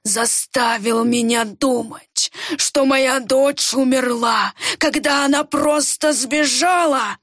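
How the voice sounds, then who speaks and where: A woman reading an audiobook, voicing an older father with slow, drawn-out, pleading speech. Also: sits high, fairly bright tone, no room sound, clean studio sound, heavily acted. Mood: stunned.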